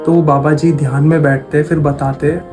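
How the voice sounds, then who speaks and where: Man, horror storyteller, fairly high voice, casual spoken style, repeats phrases. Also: little pitch movement, a little fast, music in the background. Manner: conversational, repeats phrases for emphasis.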